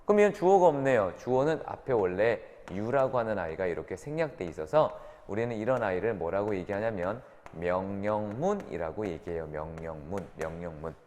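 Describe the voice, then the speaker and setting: A man's voice: lowish voice, expressive, moderate pace, hardly any pauses, darkish tone. A man teaching an English grammar lesson to students, often checking in with short tag questions. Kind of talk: classroom grammar lecture. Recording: reverberant lecture room.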